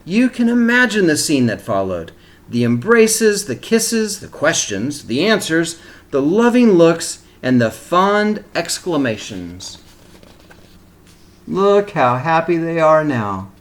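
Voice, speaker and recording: Reading slowly in a slightly high voice with wide pitch movement, this man acts as a teacher sharing a picture book with little kids. He gives the storybook an animated, expressive delivery and adds explanatory asides.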